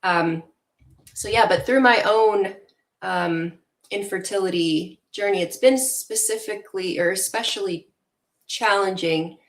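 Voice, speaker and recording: A woman's voice: mid-range voice, measured pace. A young woman from Venezuela, a guest in an interview, speaking in an earnest, reflective way with frequent fillers. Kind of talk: casual interview talk.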